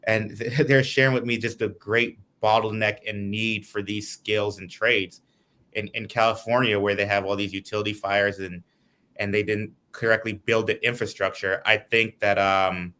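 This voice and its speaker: Earnest man from Guyana, bright voice. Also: fairly low pitch, little pitch movement, moderate pace. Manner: earnest, explains at length. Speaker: political candidate. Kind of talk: interview answers. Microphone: video call.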